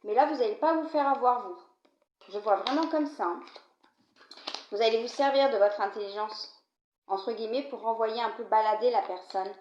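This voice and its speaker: Her voice is darkish and at normal speed, with a little hiss or hum in the background, as this woman with a cold and a cough gives a tarot-style reading to camera. She speaks chattily to the viewer, repeatedly checking in with "d'accord?". The home recording is low-volume, dull and roomy.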